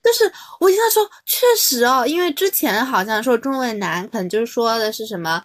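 A woman's voice: a little high, lively intonation, fairly quick. Woman, casual podcast chat, hesitant, thinks aloud. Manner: thinking aloud, hesitant, many fillers and restarts. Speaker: podcast co-host. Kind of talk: casual book-club chat.

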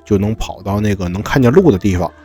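A man's voice: on the low side, lively intonation, fast, a little mellow, faint music behind. A man hosting a podcast, telling stories in a chatty, colloquial way. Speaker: podcast host. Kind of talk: casual storytelling narration.

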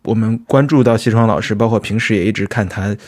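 A man hosting a podcast, asking deliberate, formal interview questions. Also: lowish voice, a little mellow, dry recording, studio quality. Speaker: podcast host. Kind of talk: conversational interview.

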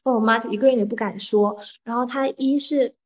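A woman's voice: on the high side, fairly even intonation, fast, darkish tone. A young woman from southern Fujian with a Taiwanese-sounding southern Min accent in her Mandarin, telling personal stories in a reflective, hesitant, conversational way. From southern Fujian (Minnan), China. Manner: hesitant, reflective, mixes in English words. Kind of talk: personal storytelling in casual conversation. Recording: slightly muffled, band-limited audio.

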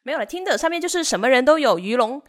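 Animated woman rambling on a podcast. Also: high-pitched, very fast. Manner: talkative, with many restarts and self-corrections. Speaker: podcast co-host. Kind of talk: casual chat.

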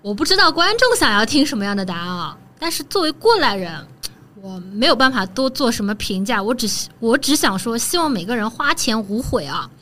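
A woman with a somewhat high voice, speaking as a podcast guest in an easy, chatty way. She lets her phrases trail off with soft particles. A faint hiss runs under the recording. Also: sing-song, a little fast. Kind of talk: casual podcast conversation.

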